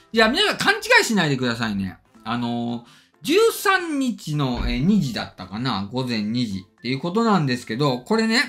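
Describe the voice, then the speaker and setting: Seated at his desk indoors with faint music in the background, this middle-aged man hosts a tech channel and works through viewer comments. His high, bright voice has a forceful tone; he replies politely and emphatically in a casual way, words a bit slurred from his braces.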